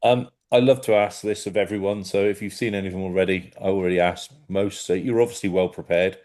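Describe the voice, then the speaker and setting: Laughing interviewer. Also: male voice, sits low, fairly even intonation, brisk, a little mellow. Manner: friendly, laughing, prompting questions. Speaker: podcast interviewer. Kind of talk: casual interview.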